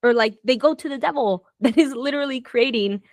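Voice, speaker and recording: A woman with a high, slightly quick voice speaks in a clean recording with no room sound. Raised in Southern Florida in the United States, with Spanish as her first language, she talks reflectively in casual conversation, full of fillers, restarts, and bursts of exasperation.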